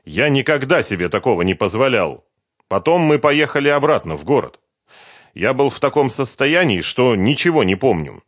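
A man voicing an agitated young man who gives a halting, defensive confession. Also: medium pitch, sing-song, no room sound, clean studio sound. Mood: confessing.

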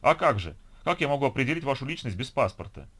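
A man voicing a weary, stern female clerk of about fifty with a husky low voice. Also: lively intonation, fast, fairly bright tone, lightly acted. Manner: stern, bureaucratic.

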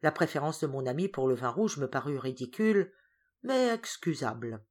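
Low-voiced woman reading a story aloud. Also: moderate pace. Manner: expressive, varied storytelling. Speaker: audiobook reader. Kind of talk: literary audiobook narration.

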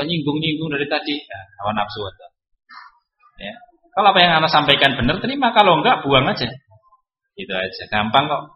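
Lively joking preacher. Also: male voice. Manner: lively, joking asides, sudden pitch jumps for emphasis. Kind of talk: Islamic study sermon. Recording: roomy, dull lo-fi recording.

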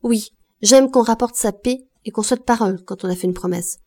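A woman's voice: a little high, brisk, mellow. A woman voicing a weary, stern laundress in an audiobook, firm and indignant.

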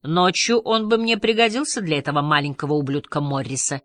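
A woman's voice: low voice, expressive, fairly quick, a bit bright, dry recording, studio quality. A woman reading the part of a grumpy, sleepless middle-aged woman who talks bluntly and sourly.

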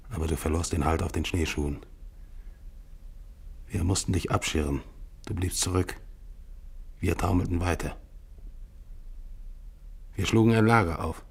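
A grim, gravelly polar captain. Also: male voice, low voice, steady tone, exaggerated voice. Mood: somber. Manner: solemn, slow, psalm-like recital. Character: grim, exhausted male polar expedition captain. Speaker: expedition leader narrating. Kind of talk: 1950s radio play narration.

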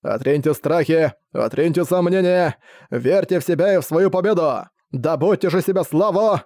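A man's voice: a little high, a little slow, darkish tone, no room sound, studio quality. A man voicing a fierce, warlike adult king who roars commanding rally cries at his troops, in an audiobook. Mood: rousing.

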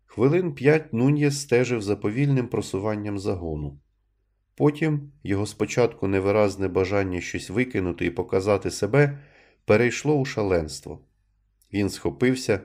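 A man narrating a literary story in an audiobook reading, with measured, even storytelling. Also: lowish voice.

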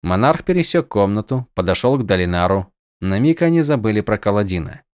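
A man narrating an audiobook in an even, measured reading. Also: lowish voice, smooth, dry recording, studio quality. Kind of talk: scripted narration.

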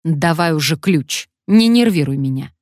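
A woman's voice: low voice, expressive, normal speed, a little mellow, dry recording, clean studio sound. A woman reading an audiobook, voicing an angry, threatening male sponsor who snaps and hisses menace. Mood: menacing. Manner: snapping, menacing.

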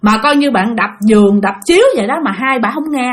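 A woman's voice: on the high side, fairly quick. Southern Vietnamese woman telling ghost stories. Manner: conversational, addresses listeners directly. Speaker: storyteller. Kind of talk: spoken ghost-story narration.

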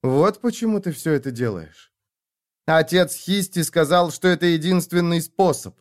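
A man's voice: on the high side, moderate pace, voice pushed up, natural voice. A man voicing a bitter, wounded woman warrior who demands answers. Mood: shaken. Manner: sharp, demanding questions.

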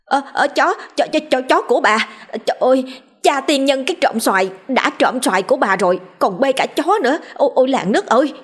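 A woman voicing an enraged heavyset village woman, shouting and wailing shrilly at thieves in a storybook tale. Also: high voice, animated, fairly quick, pitched above the performer's own voice. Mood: hysterical. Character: loud enraged fat village woman, shrieking.

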